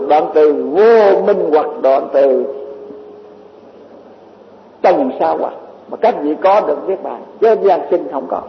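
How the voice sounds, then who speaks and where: A man giving a Buddhist dharma talk to listeners, rambling and repeating words with many fillers. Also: sits high. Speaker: Buddhist teacher. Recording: echoey hall, dull lo-fi sound.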